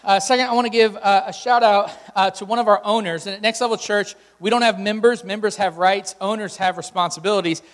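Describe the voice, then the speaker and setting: High-voiced male pastor, casual delivery. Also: fairly even intonation, fairly quick, hardly any pauses. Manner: conversational, addressing the congregation directly. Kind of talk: informal sermon welcome and announcements. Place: large church room with PA. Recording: hall reverb, music behind.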